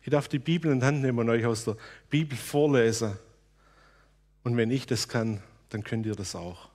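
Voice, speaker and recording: Husky-voiced man preaching earnestly. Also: mid-range voice, moderate pace, a little mellow. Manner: earnest, personal testimony. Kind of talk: sermon.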